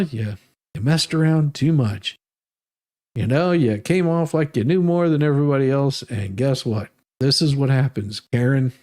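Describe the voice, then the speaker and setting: Reading a legal document on his livestream, a host with a rather high but darkish voice hams it up with sarcasm and mocking asides. The longer legal terms keep tripping him up.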